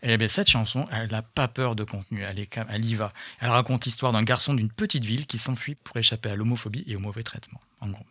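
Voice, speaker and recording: A man hosting a casual radio talk show in a small studio, speaking with hesitant fillers and slowing down when reading lyrics aloud. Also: on the low side, pushed and bright, dry recording. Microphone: studio microphone.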